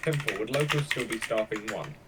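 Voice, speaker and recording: Lowish man on walkie-talkie, clipped codes, distant and noisy. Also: expressive, brisk. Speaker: police dispatcher in roleplay. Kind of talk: terse radio codes.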